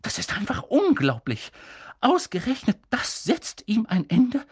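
A man voicing a stern, sharp-tongued elderly female witch professor in an audiobook reading, pushing his voice up high and insistent. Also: wildly swooping pitch, unhurried, husky, full character voice. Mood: agitated. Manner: insistent, agitated, high strained voice. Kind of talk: audiobook character voice.

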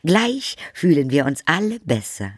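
A man's voice: on the high side, big pitch swings, measured pace, husky, no room sound, studio quality, pitched above the performer's own voice, full character voice. A man voicing a fussy, placating noble vampire countess in an audiobook reading. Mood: strained.

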